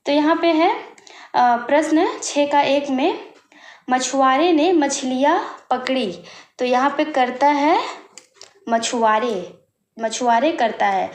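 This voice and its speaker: Woman teacher walking through homework answers; patient, repeats herself, slightly high voice, roomy recording. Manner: patient, repetitive, checks in often. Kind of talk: step-by-step homework explanation. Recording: echoey room with faint noise.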